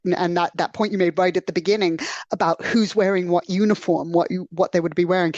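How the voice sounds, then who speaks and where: A woman's voice: fairly low pitch, a little mellow, dry recording, dull audio. A woman hosting a podcast film discussion, building her points thoughtfully and at length. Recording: dry close recording.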